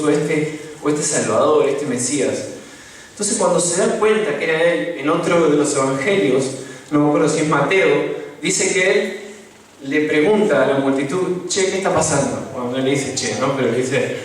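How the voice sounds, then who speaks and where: A man's voice: on the high side, moderate pace. A young man with a Rioplatense Spanish accent giving an informal, conversational sermon, often asking the congregation questions. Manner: conversational, asks the congregation questions, many tag questions. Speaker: lay preacher. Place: church hall. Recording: echoey church recording from a distance.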